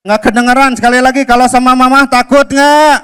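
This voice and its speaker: A man's voice: extremely high pitch, little pitch movement, a little fast, a bit bright, clean tone. A man telling a story live to schoolchildren at a school event, teasing them with playful questions. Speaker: children's storyteller.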